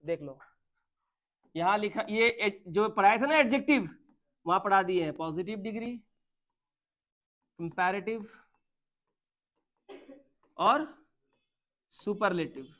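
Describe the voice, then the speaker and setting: A man's voice: sits high, lively intonation, slow pace, long pauses, fairly bright tone. Man teaching a grammar lesson. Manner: asks questions and answers them himself; mixes Hindi with English terms.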